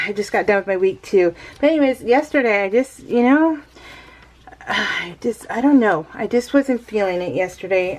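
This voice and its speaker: A middle-aged American woman vlogs casually while working on a craft project, rambling and getting easily sidetracked in a bubbly way. Her voice is fairly high-pitched.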